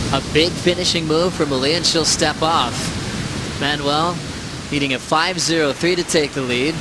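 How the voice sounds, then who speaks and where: Guy calling surf heats, slightly high voice, clipped slangy phrases, loud ocean roar behind him. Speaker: surf contest play-by-play announcer. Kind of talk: live sports play-by-play commentary. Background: ocean waves, rumbling noise.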